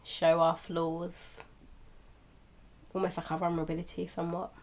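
A woman's voice: on the low side, flat delivery, moderate pace, a little mellow. Woman asking questions in a casual chat. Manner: questioning, conversational, uses fillers.

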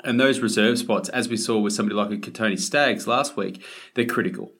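A man's voice: lowish voice, fairly quick, fairly bright tone, breathy edge. An Australian man presenting a sports podcast as host, in a casual conversational style.

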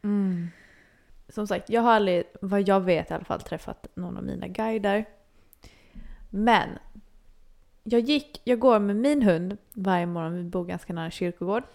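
Young woman, podcast co-host, slight vocal fry, animated storyteller. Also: medium pitch. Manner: animated storytelling, acts out her own reactions. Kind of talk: casual chat.

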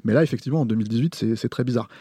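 A man who is a film critic on a podcast, talking through a review in a casual, halting way with frequent restarts and hesitations. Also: mid-range voice, warm tone, husky, no room sound, clean studio sound.

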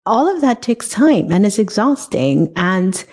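Animated woman podcast host. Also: medium pitch, unhurried. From Hong Kong. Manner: animated, acts out quoted dialogue. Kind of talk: casual podcast interview.

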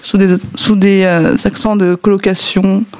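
A woman's voice: medium pitch, flat delivery, a little slow, a little mellow, dry recording. A woman chatting cheerfully about her favourite books. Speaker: book club member. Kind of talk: casual chat.

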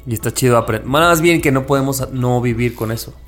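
A man's voice: mid-range voice, brisk, faint music behind. Reflective Mexican man on a podcast. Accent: Mexican Spanish. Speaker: podcast co-host. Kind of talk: casual chat.

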